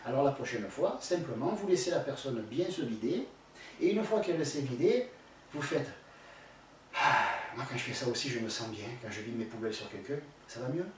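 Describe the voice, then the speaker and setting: A man's voice: mid-range voice, expressive, a little fast. Man, blunt colloquial advice, crude slang and fillers, far from the mic, strong room echo, faint noise. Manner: addresses the questioner directly by name. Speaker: spiritual teacher answering a viewer's question. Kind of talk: spontaneous spoken advice.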